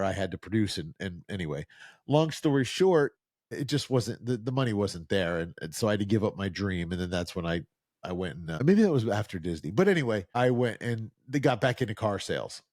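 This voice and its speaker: A middle-aged man from New Jersey co-hosts a podcast, telling long, self-mocking stories in casual chat and quoting people in put-on voices. His voice is fairly low with a darkish tone, recorded as clean studio sound with no echo.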